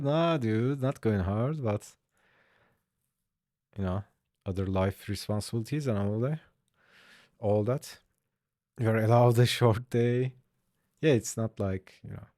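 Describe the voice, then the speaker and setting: A young man chats easygoing and unhurried while he draws on a livestream, answering viewers as they type. His voice sits a bit low. The sound is close and dry, with no room around it. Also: dark tone, no room sound. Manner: laid-back, chatty, answers chat aloud. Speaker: art streamer. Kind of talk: casual livestream chat while drawing.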